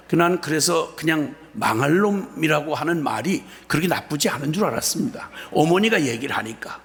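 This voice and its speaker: A man with a raised, gravelly voice gives a sermon testimony at a mission conference. He tells stories and acts out quoted lines, swinging between loud and hushed. His voice carries the long reverb of a large hall. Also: fairly high pitch. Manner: storytelling, quotes his mother with sudden loud and soft turns. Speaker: missionary preacher.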